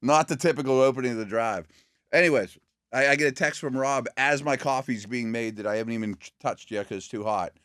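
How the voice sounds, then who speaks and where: A man co-hosting a casual sports radio show in a studio, relaxed and chatty, telling stories. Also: mid-range voice, brisk, smooth, no room sound. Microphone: studio mic.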